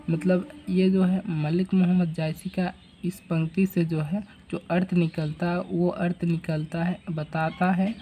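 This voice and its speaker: A man teaching a literature lesson, explaining slowly in a halting, repetitive way full of fillers. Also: high-pitched, mellow. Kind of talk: classroom lesson explaining a text.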